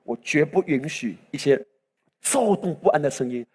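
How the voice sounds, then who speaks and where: A man's voice: on the high side, animated, moderate pace, darkish tone, breathy edge. A male pastor preaching a sermon with impassioned delivery that swells into exclamations, recorded in a church hall. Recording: reverberant hall sound.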